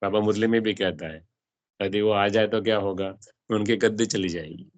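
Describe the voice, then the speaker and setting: This spiritual teacher talks at a moderate pace in a fairly low voice, recorded with no echo. Going through a religious text with a small class, he often poses questions to them and drops in English words.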